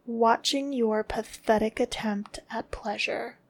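Woman, very slow measured delivery, commanding, scornful, frequent breathy whispers, higher voice. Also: fairly even intonation. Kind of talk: scripted dominant roleplay audio.

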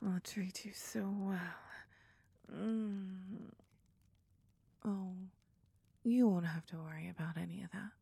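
A woman voicing a doting, possessive young goth woman lover in an intimate audio roleplay, talking in a soft coaxing whisper. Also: a little high, slow pace, gravelly, pauses often, breathy edge, no room sound, full character voice. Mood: tender.

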